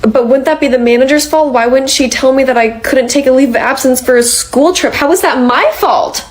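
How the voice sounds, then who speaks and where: A woman's voice: sits high, a little fast, close to an everyday voice, poor audio. A woman voicing a frustrated young female worker in a comedy cartoon, protesting and indignant. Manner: exasperated, protesting. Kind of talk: animated comedy dialogue.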